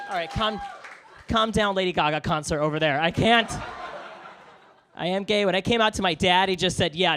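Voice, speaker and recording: A man doing live stand-up comedy in a basement club, brash and profane, yelling his punchlines. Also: high voice, slight background noise.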